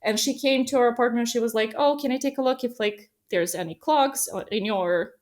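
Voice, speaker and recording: A woman's voice: fairly high pitch, brisk. A woman from Serbia, chatting as a guest in a casual interview and telling stories with lots of fillers. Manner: chatty, animated storyteller, many fillers.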